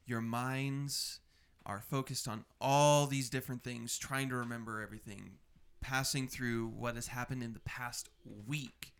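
A man's voice: medium pitch, fairly even intonation, a little slow, clear, resonant tone. A man hosting a tabletop role-playing show and recapping the adventure as game master.

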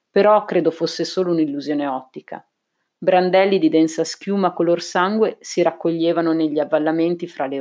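Woman narrating a novel, low and measured. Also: a little mellow. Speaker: audiobook narrator. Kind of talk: first-person audiobook narration.

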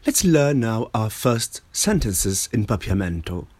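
A man teaching a language lesson, patiently repeating each word slowly and stressing its syllables. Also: fairly low pitch, big pitch swings, a little mellow, dry recording. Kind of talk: slow spoken language lesson.

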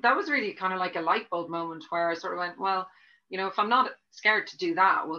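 A middle-aged tennis coach from Dublin, Ireland answers interview questions in a chatty, rambling manner full of restarts. Her voice is on the low side yet pushed and bright, with a Dublin Irish accent. The recording is dull and lo-fi.

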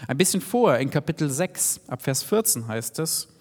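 Man, preacher, earnest and direct, sermon, slightly high voice, echoing hall. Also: sing-song, moderate pace. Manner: earnest, direct, sometimes drops to soft asides. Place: church hall. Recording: long hall reverb.

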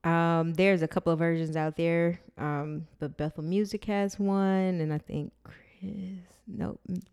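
A woman's voice: fairly low pitch, steady tone, a little slow, a little mellow, clean tone. A young woman co-hosting a casual faith podcast, with a soothing, laid-back way of talking. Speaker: podcast co-host.

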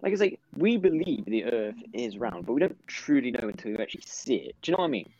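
A young man hosting a casual podcast chat, animated, jumping between topics and mocking other people's voices. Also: medium pitch, fast, dry recording, lo-fi sound. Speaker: podcast host.

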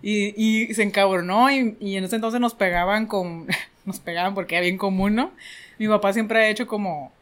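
A woman's voice: mid-range voice, fairly even intonation, normal speed. A woman with a Mexican accent in casual chat, telling a childhood story with laughter and acted quotes. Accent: Mexican Spanish.

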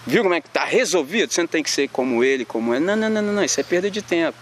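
A man's voice: on the high side, lively intonation, very fast, a little hiss or hum. A man with a Brazilian accent preaching to young people in slangy everyday talk, acting out little scenes as he goes. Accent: Brazilian Portuguese. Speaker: youth preacher. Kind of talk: informal sermon to young people.

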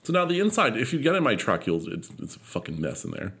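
A man from California telling a road trip story in casual, profane, animated chat. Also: on the low side, fast talker, vocal fry.

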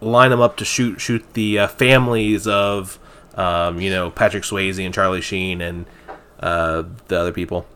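A man's voice: low-pitched, steady tone, normal speed, sharp tone, clear, resonant tone. A man co-hosting a casual movie-review chat, recapping scenes with dry, wry humor. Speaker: podcast co-host.

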